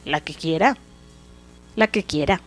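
A woman voicing a proud, short-tempered old king with loud, bossy outbursts. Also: sits low, a little slow, soft background music, pitched below the performer's own voice. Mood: grudging.

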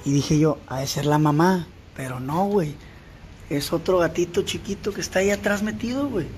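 A man's voice: a little high, fairly quick, darkish tone, a little hiss or hum. Sinaloan man joking crudely to stray cats. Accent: Sinaloan Mexican Spanish. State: sore throat. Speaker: comedian vlogging at home. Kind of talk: casual vlog chat. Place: house at home during rain.

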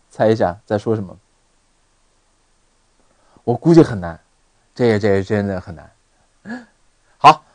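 A man teaching an online English lesson, drilling words by repeating them in an animated way. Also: lowish voice, dry recording.

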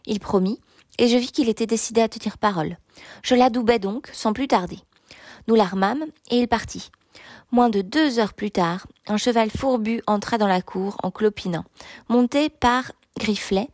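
A woman narrating a novel in the first person, with steady, measured storytelling. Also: medium pitch, dry recording, studio quality. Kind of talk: audiobook reading of a novel.

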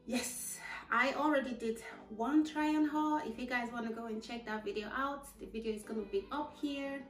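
A woman's voice: on the high side, moderate pace, soft background music. Chatty woman hosting a try-on haul vlog. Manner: chatty, often adds a questioning "okay?" at the end of phrases; enthusiastic about the clothes. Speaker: vlogger.

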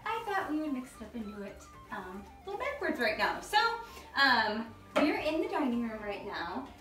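A woman's voice: on the high side, sing-song, moderate pace, a bit bright. A woman in her thirties giving a casual house tour in a chatty, gushing show-and-tell manner, recorded in a room at some distance from the camera. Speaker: home decor vlogger giving a house tour. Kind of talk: casual home tour narration. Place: living and dining rooms of a house. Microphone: camera a few metres away. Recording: roomy, distant camera mic, music behind.

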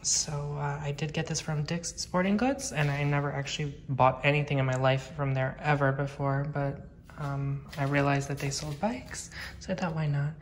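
A man in his thirties vlogs casually at home, holding his phone camera and rambling with heavy use of "like." His voice is on the high side with fairly even intonation at normal speed, and there's slight background noise.

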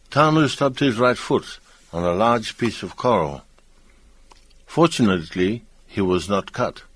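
Slow, low-voiced male storyteller. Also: no room sound. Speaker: narrator. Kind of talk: scripted storybook narration.

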